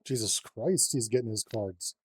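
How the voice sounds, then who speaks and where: With a little hiss or hum in the background, a man of medium pitch talks at normal speed through his own card game. He's the channel host playing solo, casually commenting, counting cards under his breath, and swearing liberally.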